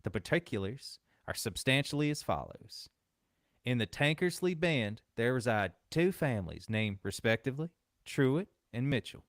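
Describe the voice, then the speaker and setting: A man reading an old newspaper account aloud in a mock Southern drawl, slow and measured. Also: medium pitch, expressive, dry recording, clean studio sound, close to an everyday voice. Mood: solemn.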